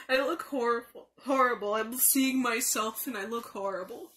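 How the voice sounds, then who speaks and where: A young adult woman, tearful and crying as she vents in an emotional, confessional vlog, speaking haltingly with weepy laughs. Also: fairly high pitch, fairly bright tone. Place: small room indoors. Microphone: phone or webcam at arm's length.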